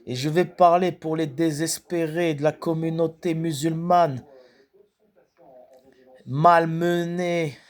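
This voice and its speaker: A man delivering a spoken protest rap in a halting, freestyle way, often restarting words and hitting rhetorical questions hard. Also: a little high, fairly even intonation. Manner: slow, declaiming delivery with emphatic rhetorical questions. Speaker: rapper.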